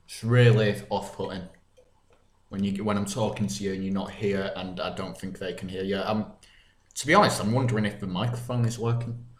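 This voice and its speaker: A man's voice: on the low side, fairly even intonation, fairly quick. A young man co-hosting a podcast, teasing and blunt, swearing freely in casual chat. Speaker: podcast co-host. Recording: echoey room.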